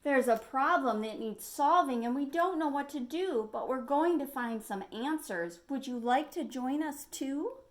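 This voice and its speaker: A woman's voice: sits high, lively intonation, measured pace, few pauses. A woman voicing an earnest male fish from a picture book, rallying others in singsong rhyme.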